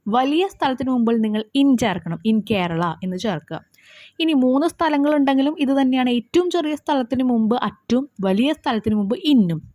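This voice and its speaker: A woman teacher walking students through exam answers, reading questions slowly and carefully, then explaining briskly. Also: high-pitched, expressive, warm tone, no room sound.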